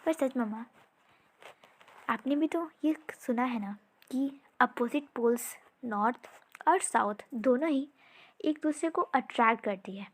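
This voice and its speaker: A woman's voice: on the high side, unhurried. A woman voicing a chatty, mischievous young prince who loves breaking rules, talking playfully and eagerly. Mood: fond.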